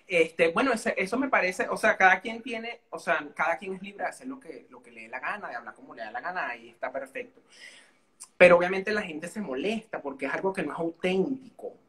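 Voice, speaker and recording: A young man with a Venezuelan accent, chatting as a guest in an interview with an animated, theatrical way of telling stories. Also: high voice, a little fast. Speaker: guest YouTuber. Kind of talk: casual interview chat.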